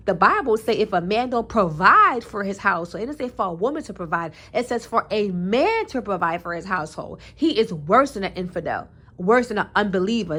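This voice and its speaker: A woman's voice: medium pitch, a bit bright. A woman speaking her opinions in a preachy, emphatic monologue, using colloquial talk, repeating phrases for emphasis and citing scripture. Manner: colloquial speech with scripture references. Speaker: commentary vlogger.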